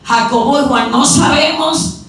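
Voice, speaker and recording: A woman preacher giving a sermon in a church, retelling a story with rhetorical questions and quick asides. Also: high voice. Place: church sanctuary. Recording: very echoey hall, mic far off.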